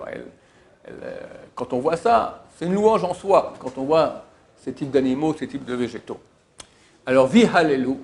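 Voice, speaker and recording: Male rabbi, fairly high voice, methodical line-by-line prayer teaching with stressed key words. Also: gravelly, darkish tone. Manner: translates Hebrew phrase by phrase, stressing key words. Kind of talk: religious lesson, line-by-line translation.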